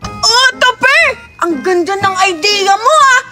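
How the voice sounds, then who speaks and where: An excitable cartoon little girl, voiced by a woman, squealing and eager. The voice is very high but slow and drawn out. Loud music plays behind her. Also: full character voice. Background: background music.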